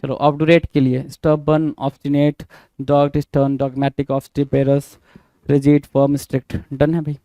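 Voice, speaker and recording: Man drilling vocabulary in a dry, mellow voice. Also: medium pitch, level tone, extremely slow, clean tone, no echo. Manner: repetitive, spells words letter by letter, quizzing the viewer; mixes Hindi and English. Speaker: English vocabulary teacher. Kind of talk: exam-prep vocabulary lesson.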